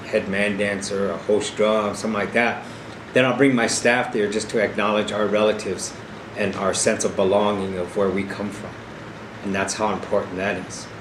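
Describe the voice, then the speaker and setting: Low-voiced older man, echoey room. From South Dakota, United States. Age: middle-aged or older. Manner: earnest, explanatory, with repeated emphatic phrases. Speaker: powwow arena director. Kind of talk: informal educational talk. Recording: echoey room with clear steady background hum.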